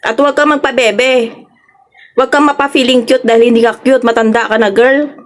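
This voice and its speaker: Scolding Filipino woman vlogger, slightly high voice. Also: steady tone, fairly quick. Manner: scolding, rhetorical questions, sharp and confrontational. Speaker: vlogger reacting to online drama. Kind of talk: casual reaction commentary.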